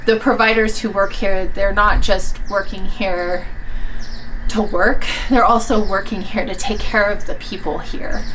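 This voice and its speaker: A woman's voice: medium pitch, fairly even intonation, a little slow, a bit bright, slight background noise, rough recording. A woman from Alaska, a medical resident, giving an earnest promotional testimonial with frequent "like" fillers.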